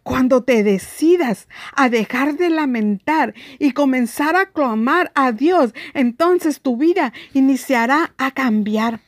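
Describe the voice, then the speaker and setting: A woman's voice: sits high, animated, takes it slowly, few pauses, no echo, clean studio sound. A woman giving an earnest devotional sermon, reading scripture with emphasis. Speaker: preacher.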